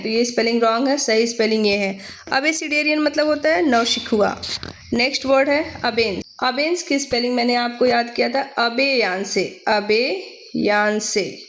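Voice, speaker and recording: A woman's voice: high voice, a little hiss or hum. A woman with an Indian accent teaching English spellings for exams, spelling words out letter by letter and checking with "theek hai". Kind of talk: exam-prep vocabulary lesson.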